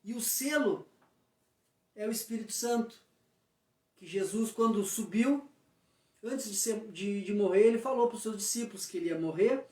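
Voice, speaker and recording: Guy teaching bible study, earnest, kinda high voice, echoey room far from mic. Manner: earnest, repeats "Amém?" to listeners. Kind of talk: weekly Bible study talk and prayer.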